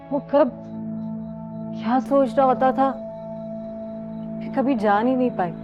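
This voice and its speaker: A woman's voice: mid-range voice, muffled recording, close to an everyday voice. An actress playing a young wife buried alive by her husband, speaking emotionally in a TV horror drama. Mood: bitter. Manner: emotional, pleading then defiant.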